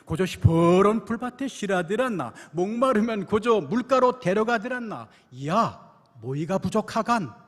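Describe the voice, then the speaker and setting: A man voicing a hearty speaker with a Pyongan dialect accent, loud and folksy, in a reverberant hall. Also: sits high, expressive, normal speed. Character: hearty North Korean-dialect man reciting a psalm.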